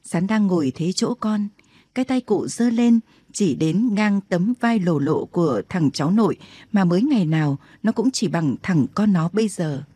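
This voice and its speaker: A woman reading a historical novel aloud as an audiobook narrator, calm and steady. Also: fairly low pitch, normal speed, no room sound. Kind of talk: scripted narration.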